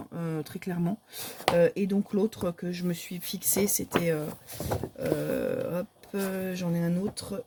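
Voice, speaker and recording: A woman's voice: on the low side, background noise. A woman, casually showing her month's coloring pages in a chatty, hesitant way with many fillers. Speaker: crafting vlogger. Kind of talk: casual show-and-tell of coloring books.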